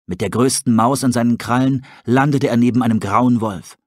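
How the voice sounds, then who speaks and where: Male audiobook narrator, husky tone, dry close sound. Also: mid-range voice, fairly even intonation, normal speed, dry recording. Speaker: audiobook reader. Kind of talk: storybook narration.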